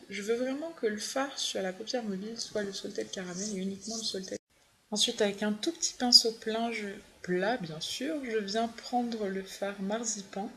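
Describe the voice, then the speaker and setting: A woman's voice: medium pitch, a bit bright. A young woman, a beauty vlogger, walking through her makeup steps in a chatty, upbeat tutorial. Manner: chatty, fond of her favorite products.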